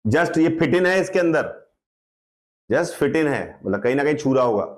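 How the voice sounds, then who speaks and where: High-voiced man teaching physics. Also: expressive, moderate pace. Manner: explains step by step, keeps checking students follow. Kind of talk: classroom lecture.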